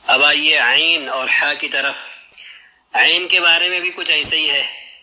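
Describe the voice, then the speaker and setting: Man, patient teacher, very bright and sharp voice, slightly raised pitch, demonstrates sounds aloud. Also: fairly even intonation, rough recording. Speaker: Quran recitation teacher. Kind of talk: explanatory lesson on letter articulation.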